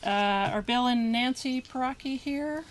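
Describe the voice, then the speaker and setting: A woman's voice: high voice, fairly even intonation, moderate pace. A woman introducing guests at an outdoor dedication ceremony, speaking casually with fillers. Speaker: board member emceeing a dedication ceremony. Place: outdoor county park. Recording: noisy outdoor recording.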